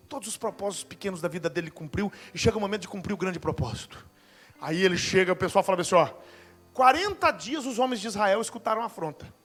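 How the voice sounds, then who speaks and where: A man in his forties preaching a lively, humorous sermon as pastor, acting out Bible scenes in voices. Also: high voice. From Brazil. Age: 40s. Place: church.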